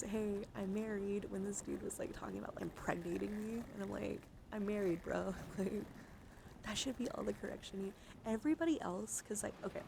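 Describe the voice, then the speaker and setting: This woman, a livestream host and ASMR streamer, keeps things chatty and slangy as she talks casually to viewers. She speaks at a medium pitch with vocal fry, and there's background noise.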